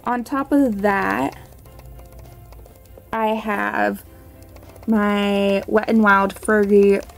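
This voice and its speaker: Young woman with overbite-appliance speech, creaky voice. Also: medium pitch, fairly even intonation, very slow, faint music behind. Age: young adult. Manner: slurred, lisping speech from a new overbite appliance in her mouth. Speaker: beauty vlogger. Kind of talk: casual chat to camera. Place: small bedroom at home.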